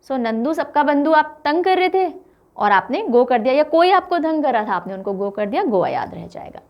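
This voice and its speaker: A woman's voice: sits high, normal speed, muffled recording. A young woman teaching an exam-prep lesson, telling playful mnemonic stories and mixing in English words. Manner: lively, playful storytelling with acted asides; mixes English words into speech.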